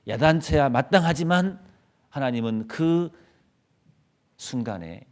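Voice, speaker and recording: Male pastor delivering a Sunday sermon, swings between loud rebuke and soft comfort. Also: medium pitch. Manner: builds to loud rebuking quotes, then drops soft and gentle. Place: church sanctuary.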